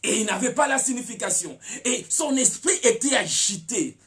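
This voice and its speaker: Pasteur prêcheur à la voix très animée. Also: male voice, extremely high pitch, lively intonation, normal speed. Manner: preaching with shouted peaks and many repeated words. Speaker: pastor. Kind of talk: sermon.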